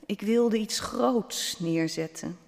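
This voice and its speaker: Gruff storybook king, proud and scornful, slow delivery, voiced by a man, hall reverb. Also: high-pitched, heavily acted.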